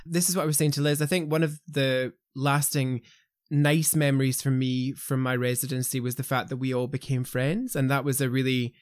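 A man hosts a podcast in a dry, close-miked sound, his voice at a middle pitch. He chats easily and tells stories with animated, lively energy. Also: moderate pace, no room sound. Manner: chatty, animated storyteller. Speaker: podcast host, vet. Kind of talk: casual podcast chat.

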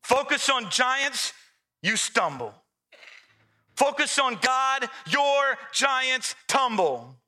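Booming, high-pitched male motivational preacher. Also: big pitch swings, extremely slow, pushed and bright. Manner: emphatic, repetitive exhortation. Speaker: pastor. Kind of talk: sermon. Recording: music playing under the voice. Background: music.

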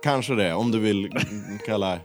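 A man's voice: lowish voice, over music. A man from around Gothenburg hosting a casual podcast, dry and wry. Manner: dry, mock-grumpy, wry. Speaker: podcast host.

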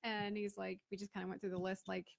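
Middle-aged woman from Florida; gravelly, mid-pitched voice; casual guest who acts out quoted voices. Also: flat delivery, fast, dry recording, clean studio sound. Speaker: guest, business owner and veteran. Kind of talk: casual storytelling interview.

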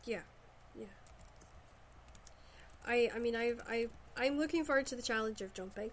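A woman's voice: fairly high pitch, moderate pace, a little hiss or hum. A woman from Shetland with a Shetland Scottish accent, chatting casually about books. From Shetland, Scotland.

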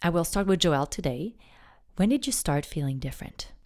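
A woman's voice: low voice, expressive, fairly quick, a little mellow. A woman hosting a parenting podcast, welcoming guests and leading the conversation. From Canada. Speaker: podcast host.

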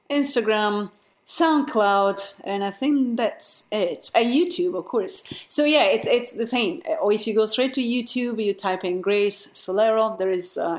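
A woman's voice: medium pitch, reverberant. A woman musician from Europe, chatting casually as an interview guest and laughing easily.

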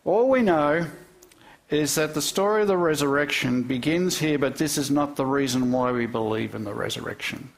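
Man, pastor, sermon, lively storytelling, questions to the congregation, slightly high pitch. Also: normal speed, gravelly. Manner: animated storytelling with rhetorical questions and chuckles.

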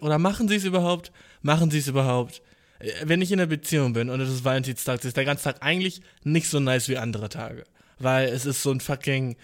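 A young man hosting a casual solo podcast, hyperactive and playful, full of slang and swearing, who keeps calling the listener bro. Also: medium pitch. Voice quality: slangy, swears a lot, says bro constantly. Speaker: podcast host. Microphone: phone in hand.

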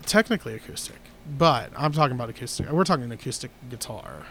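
A man's voice: medium pitch, expressive, fast, creaky, a bit bright, slight background noise. A man co-hosting a casual guitar podcast, talking in a rambling, opinionated way with many restarts. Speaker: podcast co-host. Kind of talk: casual chat.

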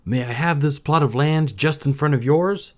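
Young hero, earnest and pleading, a bit higher than natural, male reader doing him. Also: normal speed, close to an everyday voice. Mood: polite.

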